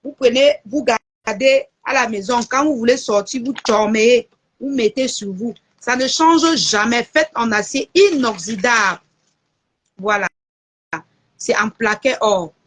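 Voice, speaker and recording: A woman's voice: a little high, measured pace, a bit bright. Chatty woman selling on a live stream. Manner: chatty, answers viewer messages, haggles prices. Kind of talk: casual live-stream chat.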